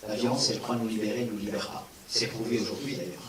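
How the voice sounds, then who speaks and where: A man giving a public talk on non-violence, animated, with rhetorical questions and emphatic repetition, answering an audience's questions. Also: lowish voice, very fast, recorded from a distance, over a noisy crowd. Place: large hall with an audience. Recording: echoey hall, speaker away from the mic.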